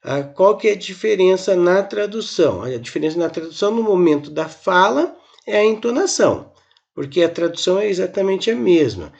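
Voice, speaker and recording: A man teaching a recorded grammar lesson, slowly explaining step by step and drilling examples, from Brazil. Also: high voice, big pitch swings, vocal fry, darkish tone, lo-fi sound. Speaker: English teacher.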